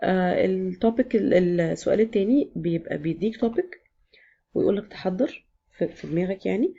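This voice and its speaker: A woman's voice: medium pitch, brisk, gravelly, warm tone, breathy edge, muffled recording. A woman with an Egyptian Arabic accent, casually explaining exam sections in a chatty vlog lesson, often switching into English. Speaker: exam prep teacher.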